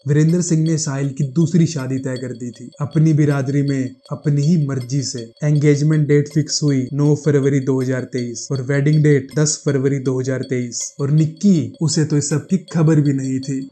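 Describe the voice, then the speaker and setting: Male true-crime narrator, suspenseful pauses, warm low timbre. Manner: suspenseful, with repeated pauses and repetitions.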